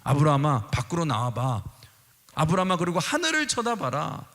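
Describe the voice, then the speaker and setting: Pastor playing God, emphatic reassuring father voice, high bright tone, long church echo. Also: wildly swooping pitch, fairly quick, heavily acted. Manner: firm, emphatic promises.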